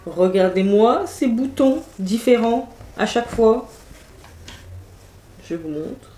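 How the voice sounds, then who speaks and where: A woman's voice: a little high, lively intonation, slow, mellow. Chatty woman in an echoey room. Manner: chatty, enthusiastic, many fillers. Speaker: beauty vlogger. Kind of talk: casual haul video chat. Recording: echoey room, faint noise.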